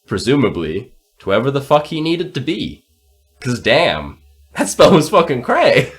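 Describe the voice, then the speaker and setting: A man with a stuffed-up nose hosting a podcast, reading a fantasy story in a casual, profane, joking way and laughing often. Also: medium pitch. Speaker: podcast host and story reader. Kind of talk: casual narration with banter.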